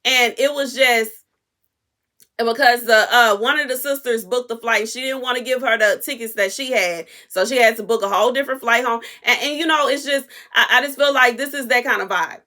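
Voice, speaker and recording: A woman's voice: on the high side, a little fast, pushed and bright. A woman sharing a prophetic message with viewers in casual, emphatic talk, often repeating herself for stress. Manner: informal, repetitive, emphatic straight talk. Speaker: prophetic content creator.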